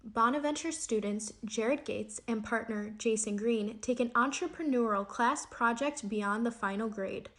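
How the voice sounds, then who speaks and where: Young female student reporter, fairly high voice, scripted news read. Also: unhurried, a bit bright.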